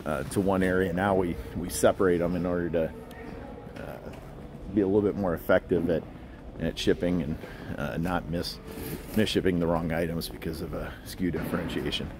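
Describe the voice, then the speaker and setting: A man narrating a casual walking tour of a large warehouse, explaining things in a relaxed way with many fillers and restarts. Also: low voice, fairly quick. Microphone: handheld phone camera while walking. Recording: phone recording with clear background hum.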